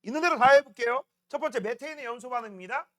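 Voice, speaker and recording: A man teaching a science class, quizzing students by name with quick questions in a casual, teasing way. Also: very high-pitched, bright, forceful tone. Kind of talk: classroom lecture.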